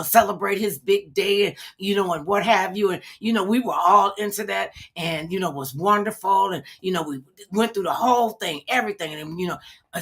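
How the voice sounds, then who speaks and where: A middle-aged woman hosts a casual talk show with a bright, forceful voice. Her tone has a husky edge. She tells animated stories, acts out the people she quotes, and raises her voice for emphasis. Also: lowish voice. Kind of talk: casual storytelling chat.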